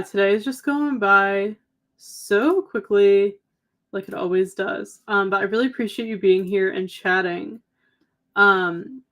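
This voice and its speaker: A young woman co-hosting a stream goes through viewer comments in chatty, filler-heavy talk full of "um" and "like." She has a medium pitch and a fairly bright tone, and her voice sounds slightly tired, starting to give out.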